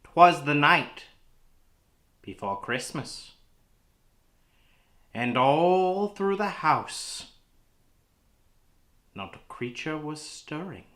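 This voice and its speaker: A man playing a pompous, easily offended thespian in a horror host sketch, declaiming with grand dramatic pauses. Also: medium pitch, pushed and bright, full character voice. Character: pompous, easily offended theatrical male thespian reciting poetry. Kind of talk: hammy theatrical recitation in horror host sketch.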